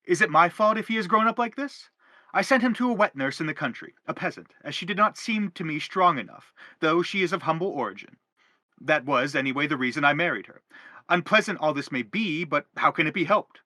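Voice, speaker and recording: An actor with a slightly high, bright, forceful voice plays an anguished middle-aged father in a stage drama, speaking animatedly and fairly quickly. Pompous, wordy and insistent, he pleads and justifies himself. The studio-quality recording has no echo.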